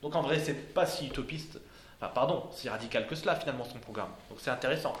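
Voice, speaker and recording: A man with a medium-pitched voice talks fast while giving an informal lecture to a live audience in an indoor room. He sounds hesitant, with many fillers and restarts. The room is echoey, with faint ambience and slight background noise.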